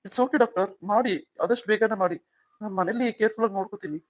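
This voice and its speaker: A man voicing a calm, reassuring young husband in a cartoon story. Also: high voice, quick pace. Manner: soothing, reassuring.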